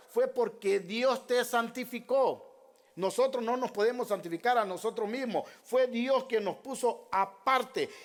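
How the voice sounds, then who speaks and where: A male pastor preaching a sermon, repeating Bible references and putting rhetorical questions to his congregation. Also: very high-pitched. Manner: repeats Bible references and addresses listeners as beloved brothers.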